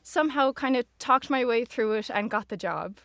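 A woman's voice: a little high, expressive, moderate pace, a bit bright, dry recording. A woman in her twenties with a west of Ireland accent, chatting informally as an interview guest, often saying "like" and "kinda". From Galway, west of Ireland. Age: 20s. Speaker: interview guest, social media manager. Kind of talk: casual conversational interview.

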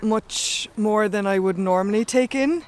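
High-pitched man chatting outdoors. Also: unhurried. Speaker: group walk participant. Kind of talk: casual interview answer. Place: outdoors in woodland. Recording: faint outdoor ambient noise.

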